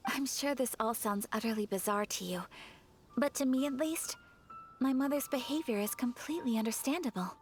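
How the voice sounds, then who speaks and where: A woman voicing a graceful, polite young noblewoman in a video game, with a soft, breathy, formal way of speaking. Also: high voice, moderate pace, faint music behind, close to an everyday voice. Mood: calm. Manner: formal and courteous. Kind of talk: game voice acting.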